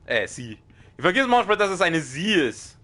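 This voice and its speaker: A young Bavarian man streams a game with a loud, strong voice that can sound like shouting even in normal talk. His pitch sits a little high and swings around a lot, with a bright, forceful edge. He is excitable and quick to swear at the game. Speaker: let's play streamer. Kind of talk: live game commentary.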